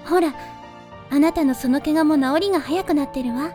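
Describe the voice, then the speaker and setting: A woman voicing a soft, calm and gently teasing young woman who guards a moonlit forest, in a voice drama. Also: sits high, moderate pace, music in the background, close to an everyday voice. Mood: gentle. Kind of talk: voice drama acting.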